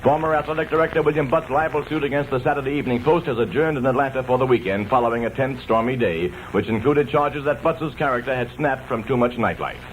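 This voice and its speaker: A man's voice: medium pitch, fast, few pauses. An American man reading a scripted 1960s radio news bulletin. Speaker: radio newsreader. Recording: dull vintage radio, faint noise.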